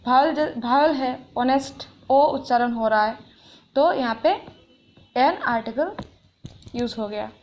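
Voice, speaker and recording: A woman teaching an English grammar lesson, explaining patiently and reading English example sentences slowly. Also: on the high side, dull audio, a little hiss or hum.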